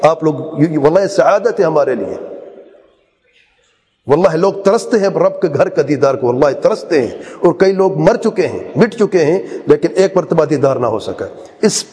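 A man's voice: a little high, lively intonation, warm tone, long reverb tail. A man preaching a sermon to a gathering, earnest and urging, often putting questions to his listeners.

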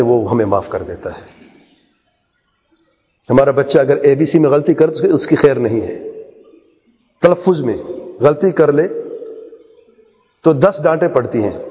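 A man's voice: a little high, mellow, in a large hall. A man preaching a sermon to a gathering, earnest and urging, often putting questions to his listeners.

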